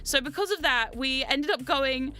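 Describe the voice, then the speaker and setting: A VTuber streamer and host from New Zealand chats casually with livestream viewers, jet-lagged and with a slightly sore throat. Her high voice moves at normal speed, and she's excitable, giggly, rambling, playfully dramatic and sweary.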